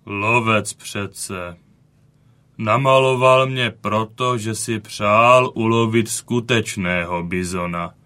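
A man voicing a wounded old male bison from a cave painting in a children's audio story. He speaks slowly, with weary dignity. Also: lowish voice, sharp tone, smooth. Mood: weary, proud. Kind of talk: audiobook character reading.

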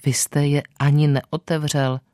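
A cheerful village postman from a spoken Christmas storybook, read by a radio host in their own voice. The delivery is bright-spirited and gentle, and the dry, close recording has no room sound around it. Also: mid-range voice, flat delivery, dry recording, natural voice.

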